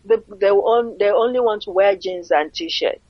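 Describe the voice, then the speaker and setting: A middle-aged Nigerian woman with a Nigerian accent speaks earnestly as a guest in a conversational interview, often posing rhetorical questions. Her voice is medium-pitched and moves at a normal speed. The recording has no echo but sounds muffled.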